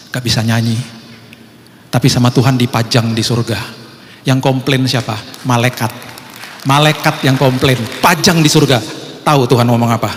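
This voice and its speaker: A man preaching a storytelling sermon as pastor in a church, lively and humorous, acting out the people in his story. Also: medium pitch, slight background noise. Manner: lively and humorous, acts out voices. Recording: echoey church hall.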